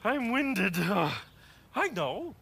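A puffed-up, boastful big bad wolf for a children's puppet show. The voice is high and sharp, swooping theatrically up and down. Every threat is full of bluster. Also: male voice, big pitch swings, drawn-out words, vocal fry, husky, heavily acted. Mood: menacing bluster.

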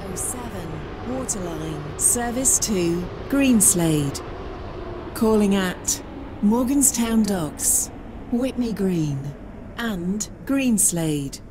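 A woman's voice: medium pitch, expressive, drawn-out words, background noise. A woman's recorded station announcement voice, built from spliced-together words with jumpy volume between them.

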